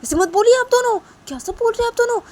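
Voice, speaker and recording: A woman voicing a young woman who protests in a high, shrill, pleading voice, for a spoken Hindi love story. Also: animated, very fast, a little mellow. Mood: flustered protest. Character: young woman, flustered, protesting to her parents.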